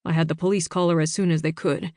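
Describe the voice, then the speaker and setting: A woman voicing a weary father speaking gently from jail in an audiobook. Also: deep voice, fairly even intonation, fast talker, no room sound, studio quality. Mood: gentle, resigned. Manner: gentle, turns stern.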